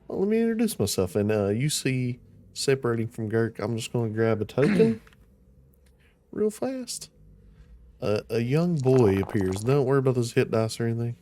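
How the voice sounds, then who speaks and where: A man's voice: mid-range voice, sing-song, moderate pace, dark tone. A young man running an online tabletop game as game master, joking and swearing casually.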